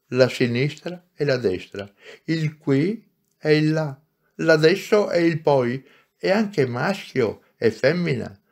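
A man reading aloud and voicing a gentle, patient spirit who speaks calmly and gravely. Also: medium pitch, heavily acted. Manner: calm, grave and slow. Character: gentle wise friendly soul, male, patient.

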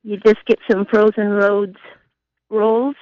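A woman's voice: medium pitch, little pitch movement, slow, no echo. A woman calling in to a radio show, chatty and friendly as she shares a home recipe. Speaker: caller. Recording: dull dry phone line.

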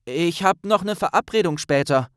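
A man's voice: sits high, lively intonation, moderate pace, no room sound, studio quality, pitched above the performer's own voice. A man voicing a shy, awkward teenage wizard who stammers. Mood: flustered. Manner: stammering and flustered.

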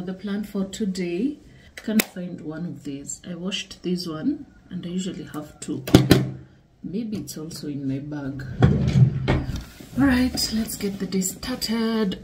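With background noise behind her, a young woman in a mid-range voice casually chats with her viewers, whom she calls "guys." It's a relaxed lifestyle vlog shot on a handheld camera inside her home kitchen and dressing room.

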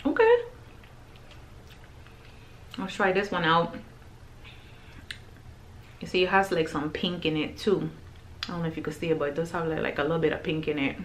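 A woman chatting casually to camera as she tastes and reviews groceries, describing each bite between pauses. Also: sits low, a little hiss or hum. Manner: chatty, tasting and describing food between bites.

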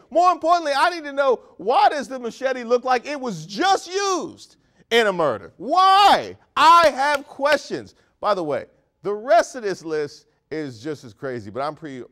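A very high-pitched man in his thirties hosts a comedic news monologue on a studio set. He's animated and mock-outraged, sprinkling in jokey asides.

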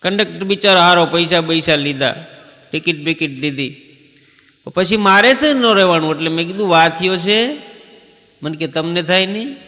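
High, bright-voiced male comedian in a hall. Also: moderate pace. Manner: anecdotal joke telling with quoted exchanges. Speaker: stand-up comedian. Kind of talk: Gujarati folk stand-up storytelling.

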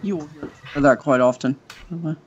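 A woman chatting while learning a game with friends, hesitant and puzzled, in a soft-spoken way. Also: deep voice, a little fast, highs cut off, slight background noise. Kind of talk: casual gaming chat.

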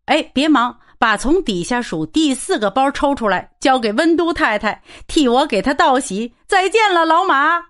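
A woman doing a loud, boisterous big man. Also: high-pitched, expressive, moderate pace, few pauses, voice pushed up. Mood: jovial shouting. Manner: loud, hearty, shouting. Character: boisterous big red-nosed middle-aged man.

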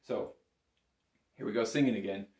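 A bagpipe teacher gives a casual, step-by-step music lesson, counting beats and checking in along the way. His voice is lowish and a little mellow at normal speed. The camera sits a short distance in front of him in a small indoor room full of instruments, and its mic picks up a roomy echo.

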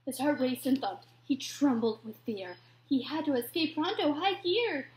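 A woman reading a rhyming children's story aloud, expressive and dropping to whispers at tense moments. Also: high-pitched, moderate pace. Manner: expressive, drops to whispers for suspense.

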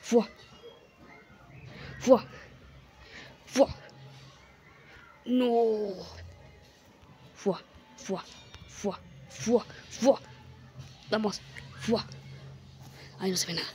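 A woman's voice: mid-range voice, drawn-out words, pauses often, dark tone, faint music behind. A woman giving casual gameplay commentary, playfully boasting, grunting with effort and whispering asides, her throat a little sore. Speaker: gamer.

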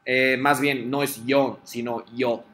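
A man's voice: mid-range voice, fairly even intonation, takes it slowly, a bit bright. A man teaching a class in Spanish, explaining patiently step by step and checking in with his students. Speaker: Japanese teacher.

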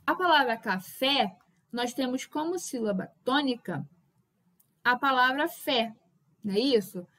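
A young adult woman teaching a Portuguese grammar lesson at a whiteboard. She explains patiently, keeps checking in with her students, and calls out example words loudly to show their stress. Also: sits high, lively intonation, unhurried.

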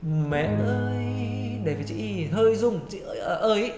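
A man teaching a singing lesson, explaining technique in quick spoken tips and singing short phrases to demonstrate. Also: sits high, expressive. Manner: brisk, explanatory, sings phrases then breaks them down. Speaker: vocal coach. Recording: echoey room with guitar backing. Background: loud guitar accompaniment.

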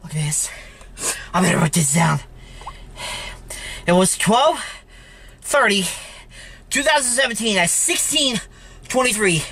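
A man vlogging trackside outdoors on a handheld phone, gushing and excitable. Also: high-pitched, unhurried, long pauses, slight background noise. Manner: excitable, gushing, loud whoops. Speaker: railfan vlogger. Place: outdoors by a railroad line near a store lot.

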